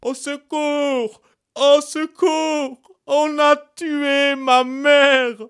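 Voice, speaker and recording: A man voicing a village simpleton in a folk tale, with high-pitched, drawn-out wailing cries. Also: sing-song, no echo. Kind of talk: storytelling.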